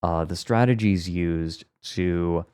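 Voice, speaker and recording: Mellow, dry-sounding man on a stream. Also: sits low, takes it slowly, smooth, no room sound. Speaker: streamer and YouTube creator. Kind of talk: casual live stream commentary.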